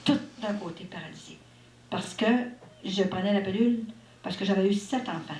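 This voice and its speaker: A woman in her sixties with a Québécois accent, giving a personal faith testimony in a lively, expressive storytelling manner with asides. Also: mid-range voice, normal speed. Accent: Québécois French. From Quebec. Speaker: testimony giver at a religious mission. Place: church hall at a religious gathering. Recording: echoey hall, faint background noise.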